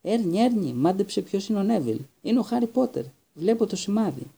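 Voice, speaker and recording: Ένας άντρας κάνει τον Σταν, έναν ενθουσιώδη, ψιλόφωνο νεαρό. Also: male voice, high-pitched, big pitch swings, vocal fry, breathy edge, pitched above the performer's own voice, heavily acted. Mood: excited. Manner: loud, eager, shouting. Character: excitable young male bus conductor.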